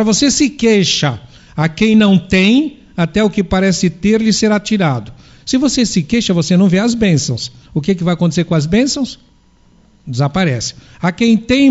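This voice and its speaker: High-voiced man lecturing. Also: darkish tone. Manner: rhetorical questions, answers them himself. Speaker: spiritual lecturer. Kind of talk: spiritist sermon lecture. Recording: dull lo-fi recording.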